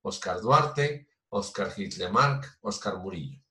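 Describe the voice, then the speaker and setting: A man's voice: deep voice, lively intonation, slow, sharp tone. A man teaching a programming class, explaining patiently step by step with many fillers and restarts. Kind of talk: recorded online class. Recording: roomy echo.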